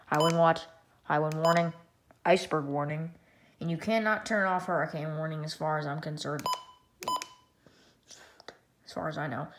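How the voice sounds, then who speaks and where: A product reviewer, a woman whose voice sits slightly low, shows off a gadget in a casual, rambling way, reading out menu items one at a time. The recording is echoey, with loud noise in the room.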